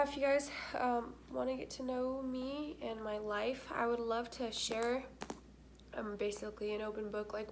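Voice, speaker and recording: Stuffy-nosed and a bit out of breath, this young woman chats openly to her camera as a vlogger, leaning heavily on "like" and other fillers. Her voice sits in the mid range, and a little background noise can be heard.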